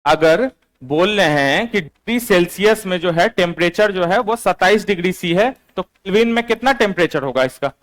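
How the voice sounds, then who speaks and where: A male teacher, giving a classroom lecture. He dictates notes slowly and repeats them, then quizzes his online students. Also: high voice, animated, a bit bright. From Bihar, India.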